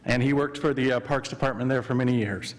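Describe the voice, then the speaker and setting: A man who manages the city parks introducing a new employee to the council, halting and full of fillers. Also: medium pitch, fairly even intonation. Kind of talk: formal introduction at a council meeting.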